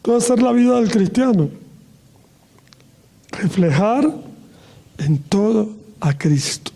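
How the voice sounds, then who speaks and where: A middle-aged man preaching a sermon to his congregation, slowing and dropping his voice at the ends of phrases. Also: lively intonation, creaky, mellow. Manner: slows and drops pitch at phrase ends.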